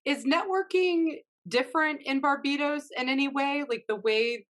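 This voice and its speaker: A woman's voice: high voice, normal speed. A woman hosting a podcast, asking questions in a casual conversational way with lots of fillers. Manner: conversational, many fillers while framing questions. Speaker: podcast host. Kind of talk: casual interview chat.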